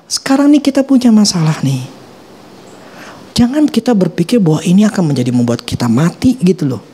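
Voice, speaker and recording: Animated male pastor preaching. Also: brisk, a little hiss or hum. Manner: colloquial Jakarta-style slang, animated pitch swings. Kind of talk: sermon.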